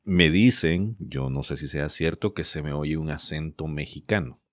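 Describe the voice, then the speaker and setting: Deep-voiced Salvadoran host, curious. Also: male voice, normal speed, dry recording, clean studio sound. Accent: Salvadoran Spanish. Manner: relaxed, curious questioning. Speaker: podcast host. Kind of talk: casual interview conversation.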